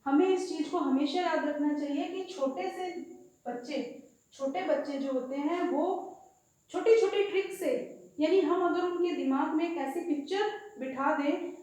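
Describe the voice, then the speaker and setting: A woman teacher giving a patient lesson, slowly explaining and repeating example words aloud. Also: high voice, a little mellow. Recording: very echoey room.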